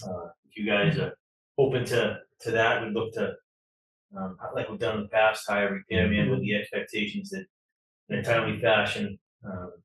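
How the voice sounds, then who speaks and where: Low-voiced guy giving a practical work update, sounds far off in a big echoey room. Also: fairly bright tone. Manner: plain-spoken and practical, with fillers. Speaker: water department superintendent. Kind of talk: meeting update.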